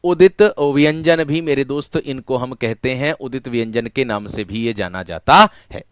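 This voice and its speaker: With a clear, smooth voice at medium pitch and normal speed, a man runs an online exam-prep class, repeating each point and calling his students his friends. He keeps posing questions to them and then answering himself. The recording is dry and close, with no room echo.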